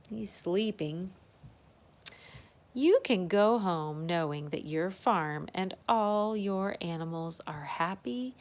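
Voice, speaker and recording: In a mid-range voice, a woman acting as a circle-time teacher reads a children's storybook aloud. She sprinkles in chatty asides, exclamations and questions for her young audience.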